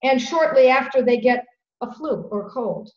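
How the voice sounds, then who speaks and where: A woman's voice: sits high, animated, normal speed. A woman practitioner of homeopathy, talking earnestly in a conversational storytelling way, often repeating words. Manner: earnest, fillers, repeats words when emotional. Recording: echoey room, dull lo-fi sound.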